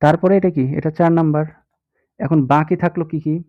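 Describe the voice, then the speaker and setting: Man, Bangladeshi accent, patient step-by-step tutorial explaining, fairly high voice, tinny phone-like audio. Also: fairly even intonation, fairly quick. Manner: explains step by step, checks often with the listener. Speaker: teacher. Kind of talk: screen-recorded tutorial lesson.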